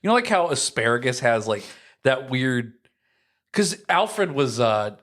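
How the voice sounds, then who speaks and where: A man in his early thirties from America co-hosts a podcast, chatting loosely and rambling with lots of "like." His medium-pitched, slightly bright voice swings widely in pitch and runs a little slow.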